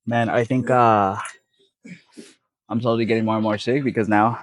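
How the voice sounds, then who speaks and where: A young fitness vlogger talks between sets at the gym, congested and sniffling, rambling in a laid-back way full of fillers. His voice is fairly low and steady at a moderate pace, with a little hiss or hum.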